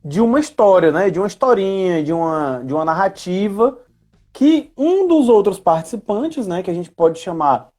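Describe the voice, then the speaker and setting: A man in his thirties from Ceará, Brazil, speaks with a Northeastern Brazilian accent in a high, animated, slightly mellow voice at a moderate pace. He's a guest on a casual live chat, a history teacher and educational coordinator who explains things chattily. He keeps tossing in little tag questions to seek agreement.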